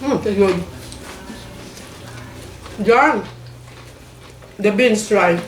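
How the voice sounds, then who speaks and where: A woman's voice: mid-range voice, drawn-out words, far from the mic, slight background noise. Woman, Filipino accent, cheerful mom, set back from the mic, echoey room. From Philippines. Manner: cheerful, explains the dishes, gently coaxes her son. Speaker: mother in a family food vlog. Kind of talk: casual mealtime chat on camera. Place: home dining table.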